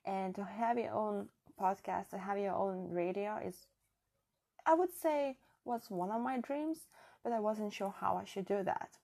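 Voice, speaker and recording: Her voice sits in the middle range, slightly slow, gravelly and warm. She's a woman from Europe hosting a solo podcast in non-native, accented English, speaking casually with an earnest, chatty, reflective manner, captured only by a built-in device mic.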